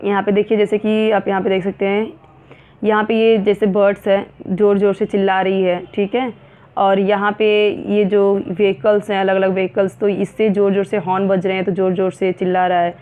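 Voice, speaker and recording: A woman teacher explaining a science textbook lesson, reading English lines slowly and then explaining them in Hindi with frequent fillers. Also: mid-range voice, level tone, a little mellow, smooth. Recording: phone-like narrow sound.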